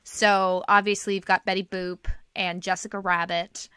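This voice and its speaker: A woman hosting a podcast, telling rambling animated stories in casual chat. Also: mid-range voice, moderate pace, clear, resonant tone, dry recording, studio quality. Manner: animated, rambling storyteller, breaks into singing. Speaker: podcast host.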